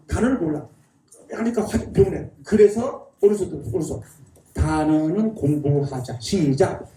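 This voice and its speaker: A man's voice: high voice, warm tone, slight background noise. A man giving a public lecture at a church, drilling his audience in call-and-response and chuckling as he talks. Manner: folksy, chuckling delivery. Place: church hall. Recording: echoey hall, mic at a distance.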